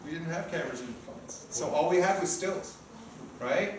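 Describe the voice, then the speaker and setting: A man in his fifties who organizes and referees a sparring event coaches a group informally, frequently tossing in short tag questions. His voice is a little high and expressive at a moderate pace, picked up in a noisy, echoey room from a distance.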